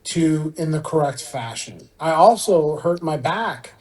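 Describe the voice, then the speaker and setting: With a fairly high pitch, lively intonation and a slightly mellow tone, a middle-aged man speaks at a measured pace. Born in Iran and raised in Southern California, he is a guest surgeon answering questions conversationally in English, his second language.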